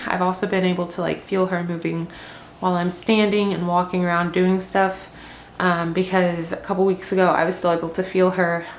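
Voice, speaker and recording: A woman's voice: lowish voice, a little hiss or hum. A young woman giving a casual pregnancy update, rambling and chatty with many fillers and a little short of breath. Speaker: vlogger. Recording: echoey room with faint ambience.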